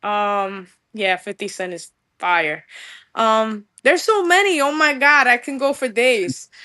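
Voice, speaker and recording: Speaking slowly in a slightly high voice that sounds pushed and bright, this young New York musician gushes as a podcast guest. Her New York accent comes through, along with a good dose of street slang.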